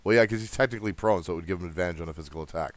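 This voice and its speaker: Deep-voiced man running a tabletop game. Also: rapid-fire. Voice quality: laughs often, swears casually. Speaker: game master.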